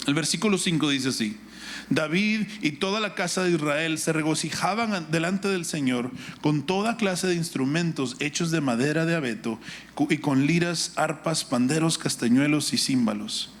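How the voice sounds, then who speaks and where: A fairly high-pitched male voice at normal speed belongs to a middle-aged preacher with a Guatemalan Spanish accent. He instructs his audience with rhetorical questions and repetition while reading the Bible and recounting a personal anecdote.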